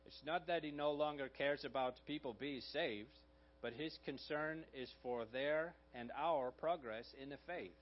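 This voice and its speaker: A slightly hoarse man preaching a sermon in a conversational way, often checking in with the congregation with quick asides. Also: a little high, lo-fi sound. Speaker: pastor.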